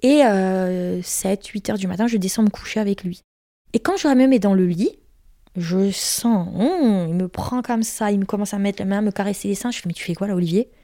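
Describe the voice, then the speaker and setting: A woman's voice: mid-range voice, normal speed, warm tone, no echo, studio quality. A young woman from Corsica frankly telling a personal story in casual talk, crude and emphatic, acting out what people said. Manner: frank, crude, emphatic retelling with acted quotes.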